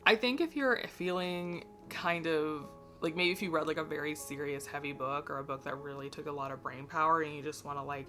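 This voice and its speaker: A woman with a deep yet bright and forceful voice chats loosely about books in her home library, a bit hoarse as she loses her voice. There is a slight vibrato in her tone, and she laughs at herself often. Faint music sits far behind her. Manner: chatty, self-deprecating, laughs often. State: losing her voice. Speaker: book vlogger. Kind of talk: casual rambling chat to camera. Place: home library between bookcases.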